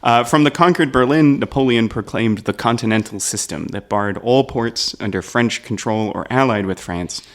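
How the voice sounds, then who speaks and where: A man's voice: medium pitch, moderate pace, few pauses. A man telling a history story on a comedy podcast, casual, often checking in with "right?". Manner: explains with "right?" asides, laughs at the jokes.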